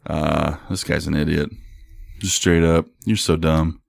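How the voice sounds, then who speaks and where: A man's voice: extremely low pitch, little pitch movement, unhurried, vocal fry, no room sound, clean studio sound. A young man co-hosting a sports podcast in casual chat, blunt and profane, laughing often and reading tweets aloud. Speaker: podcast co-host.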